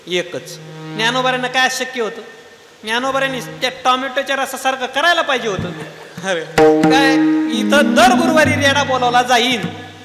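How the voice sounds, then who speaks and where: High-pitched guy preaching a devotional sermon, keeps asking the crowd questions, big echoey hall. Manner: rhetorical questions to the audience. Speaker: kirtan preacher. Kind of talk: devotional sermon with sung verses.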